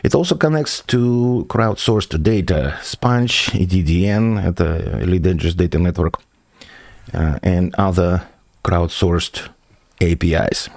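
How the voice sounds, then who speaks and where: A man streaming as a software developer, walking through his project step by step, answering viewer questions with frequent hesitations. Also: low voice, a little slow, creaky, no echo, studio quality. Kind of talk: live stream tech walkthrough.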